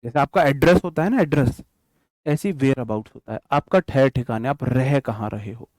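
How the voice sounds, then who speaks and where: A man's voice: medium pitch, moderate pace, darkish tone, dry recording. A young man teaching English grammar in an online class, chatty and direct, counting out examples. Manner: explains in Hindi mixed with English terms, repeats and counts out examples; addresses students directly, casual and chatty. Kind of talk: online exam-prep lecture.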